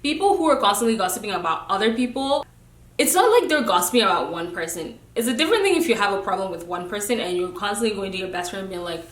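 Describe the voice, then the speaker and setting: Talking quickly and expressively at medium pitch, a young woman vlogs a casual, candid rant about friendships from an echoey room. Her emphatic delivery sometimes turns preachy, and she bursts out laughing now and then.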